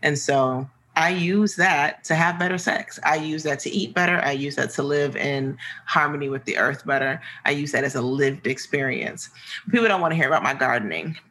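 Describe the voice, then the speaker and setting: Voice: medium pitch, normal speed, sharp tone, poor audio. An interview guest from the American Midwest, explaining earnestly and searching for the right words. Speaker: interview guest, sex coach. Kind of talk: casual interview conversation.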